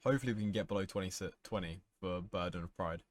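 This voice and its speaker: A man's voice: deep voice, fast talker. A man thinking aloud in casual, wry and sweary commentary as he plays a card game. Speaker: gaming content creator playing a card game.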